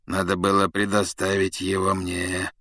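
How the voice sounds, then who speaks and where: A man voicing a grim male fugitive with a hoarse, rasping voice. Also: low-pitched, completely flat delivery, a little slow, pushed and bright, no room sound, clean studio sound.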